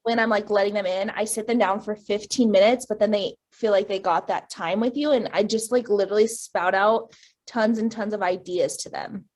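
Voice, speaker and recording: A woman's voice: medium pitch, fairly even intonation, moderate pace, a little mellow. A woman coaching over a video call, talking casually with lots of fillers like "like" and "um". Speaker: lash business owner and coach. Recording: glitchy video call audio, sometimes distant.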